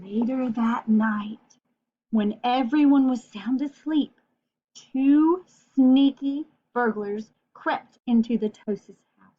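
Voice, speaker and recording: Reading a picture book to children in a playful, animated way, this woman pauses for asides and questions to her young audience. Her voice is on the high side and slow, and the recording sounds dull and lo-fi.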